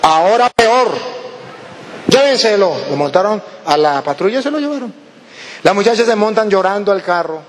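High-voiced Venezuelan priest telling a story. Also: male voice, brisk, long reverb tail, slight background noise. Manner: animated, acts out quoted voices. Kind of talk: storytelling testimony.

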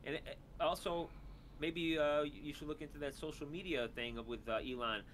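A man's voice: on the high side, fairly even intonation, normal speed, fairly bright tone, slight background noise. A man co-hosting a casual chat, talking loosely with many hesitant fillers.

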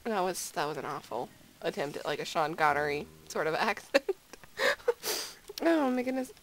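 A woman's voice: on the low side, big pitch swings, moderate pace, low-quality recording. A sleepy woman giving rambling, giggly, self-deprecating gameplay commentary at home late at night. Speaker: gaming video creator.

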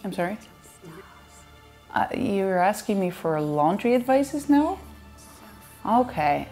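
A Dutch woman in her thirties sits on her living-room sofa, answering fan questions in a playful, chatty talk to camera and laughing often. Her medium-pitched voice is mellow and very animated, though she speaks slowly, with faint music in the background.

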